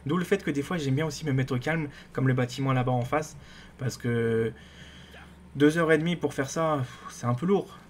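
A man giving casual, rambling commentary on his game, excitable and full of fillers and restarts. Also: mid-range voice, normal speed, a little hiss or hum. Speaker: gaming YouTuber.

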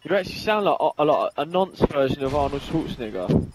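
A man's voice: a little high, expressive, fast talker, a little mellow, slight background noise, rough recording. A young man in casual game chat, laughing, swearing and egging others on. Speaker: gamer running the prank.

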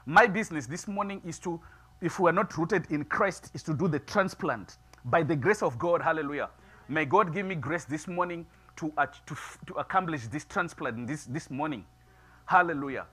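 A middle-aged man preaching a sermon in a small church, moving from quiet musing to loud, emphatic preaching. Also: fairly high pitch, moderate pace, slightly rough. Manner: builds from soft musing to loud preaching, gestures widely. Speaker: pastor. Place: small church sanctuary, seated before altar flowers.

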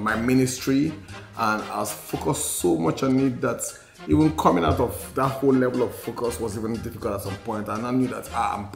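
A creaky-voiced Nigerian man in his forties, co-hosting a podcast, tells candid personal stories at a mid-range pitch. His tone is reflective, and he repeats phrases for emphasis. The recording sounds roomy, with faint music playing beneath him.

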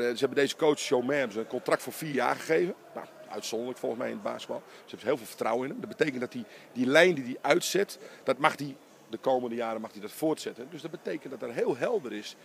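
A middle-aged basketball coach speaks emphatically in a post-game interview in an empty arena, close to a handheld interviewer mic. His mid-range voice is gravelly, and he's animated, talking in quick bursts. There's a little hiss or hum.

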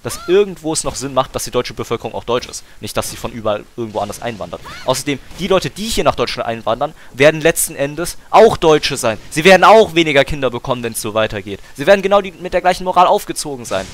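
A man's voice: medium pitch, lively intonation, quick pace, hardly any pauses, a little hiss or hum. A young man streaming a game, chatting casually and arguing his point in slangy talk, pushing on through interruptions. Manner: argumentative, slangy, talks over interruptions. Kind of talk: casual chat while gaming.

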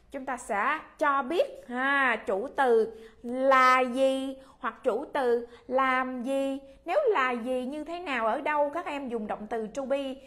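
A high-pitched woman from Vietnam teaches English to young children. She talks at an unhurried pace and stretches out each model phrase for them to repeat. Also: a bit bright. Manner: slow, drawn-out model pronunciation.

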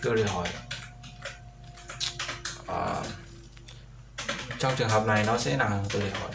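A man's voice: fairly low pitch, a little slow, gravelly. Guy teaching beginner english, says everything twice, roomy echo, bit of hiss behind. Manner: patient, repeats words and asks "right?". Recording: roomy echo with faint background noise.

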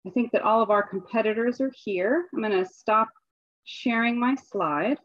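A woman's voice: on the high side, moderate pace, no room sound. Woman hosting an online event, chatty, lots of ums, kinda muffled dry call audio. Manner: chatty, with restarts and fillers. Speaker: host, assistant dean. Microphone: video call.

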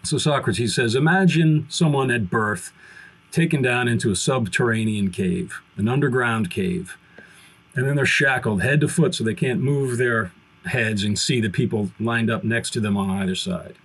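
A man in his fifties, a philosophy professor on a video call from a room at home, retelling a classic story with lively hand gestures. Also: medium pitch, moderate pace, husky, poor audio. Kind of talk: explaining on a podcast. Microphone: webcam video call.

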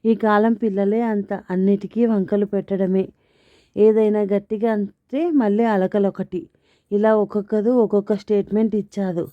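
A woman telling a comic family story in the first person, in a wry, expressive way. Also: mid-range voice, normal speed, no room sound. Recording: tinny phone-like, dry.

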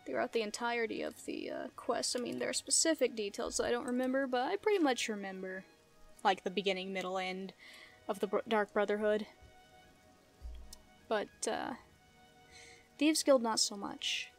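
A woman's voice: on the high side, moderate pace, gravelly, pauses often. A young woman giving casual, chatty, playful commentary as she plays a video game. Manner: playful, chatty, giggly asides. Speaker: gamer, let's play host. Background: game music.

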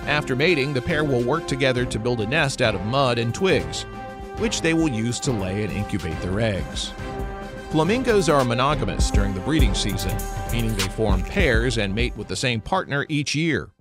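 A man's voice: medium pitch, sing-song, moderate pace. A man narrating a scripted nature documentary. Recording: music behind the voice. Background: background music.

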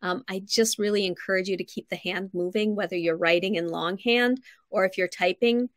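A middle-aged woman, a guest writing coach, explains things conversationally during a video call interview from a room at home, with an encouraging, instructive tone. Her voice is medium-pitched with fairly even intonation, fairly quick, and has no room sound.

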